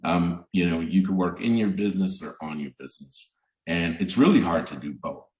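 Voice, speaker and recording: A man with a very low voice gives a relaxed presentation on a video call, filling his sentences with "um" and "you know". His voice sounds distant from the mic, in a roomy, echoing space. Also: normal speed. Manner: conversational, many fillers like "um" and "you know". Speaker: bank representative, panelist. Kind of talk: virtual panel presentation.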